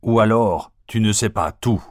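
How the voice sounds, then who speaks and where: A man's voice: fairly low pitch, measured pace, no room sound, clean studio sound, natural voice. A man voicing a menacing, vengeful male outlaw who speaks sternly and threateningly.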